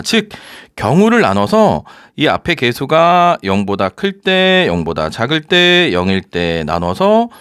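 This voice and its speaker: A male math teacher explaining step by step in a strongly animated voice that rises and falls a lot. His voice sits fairly high for a man and sounds close and dry. He keeps checking in with the students through rhetorical questions. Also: smooth, no echo. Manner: lively, coaxing, asks rhetorical questions. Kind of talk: recorded math lecture.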